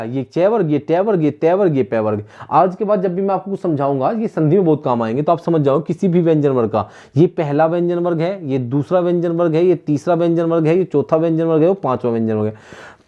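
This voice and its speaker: A male teacher giving a classroom lecture, sounding out syllables slowly and asking the class again and again if they follow. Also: a little high, dark tone, dull audio. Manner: drills sounds slowly and repeats questions to students. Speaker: Hindi teacher.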